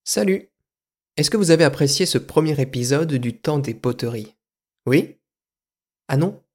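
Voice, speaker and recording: A man hosting a comedy podcast alone, delivering an absurd monologue in a deadpan, mock-grandiose manner. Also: mid-range voice. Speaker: podcast host.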